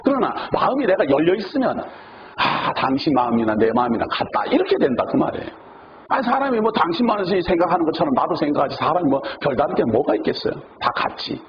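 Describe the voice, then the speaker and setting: Lively high-voiced pastor preaching. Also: male voice, fast. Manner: animated, acts out quoted speech. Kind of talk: sermon. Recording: dull, noisy lo-fi recording.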